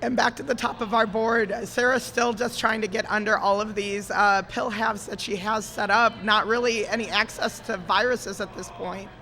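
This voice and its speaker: A woman calling a live game match at a gaming expo, excitable and quick to laugh, her voice strained from cheering. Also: mid-range voice. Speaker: esports commentator.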